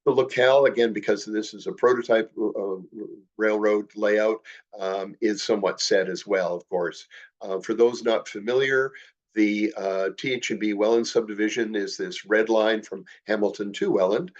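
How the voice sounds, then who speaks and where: This older Canadian model railroading presenter has a fairly low voice with fairly even intonation, and his head cold makes him a little nasal. He delivers his slideshow talk in a measured manner, peppered with uh and um fillers, over dull audio.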